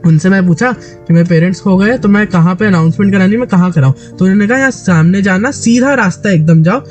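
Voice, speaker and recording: In a casual chat with a friend, a Delhi gaming YouTuber with a sore, dry throat tells a story animatedly, frequently starting over. His voice sits high and moves quickly, and faint music plays behind him.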